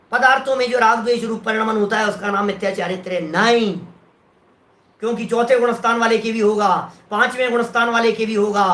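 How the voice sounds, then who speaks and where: A man lecturing on scripture with a bright, forceful voice. He explains step by step and keeps asking whether the point has landed. The recording has a roomy echo. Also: extremely high pitch. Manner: explanatory, often checks that listeners follow. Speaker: scripture teacher.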